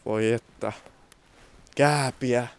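Out in the forest with his camera, the young man jokes his way through a casual vlog in a mock-dramatic nature-guide manner. He speaks at medium pitch in a steady tone, with slight background noise.

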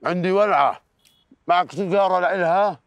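A man's voice: high-pitched, brisk, vocal fry, no echo, dull audio. A man with a Jordanian Arabic accent acting in a comedy sketch, agitated and complaining.

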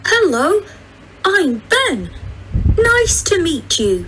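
A woman voicing a friendly young schoolboy in a textbook listening dialogue, speaking slowly and carefully enunciating each word. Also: very high-pitched, big pitch swings, pushed and bright, slight background noise, full character voice, rough recording.

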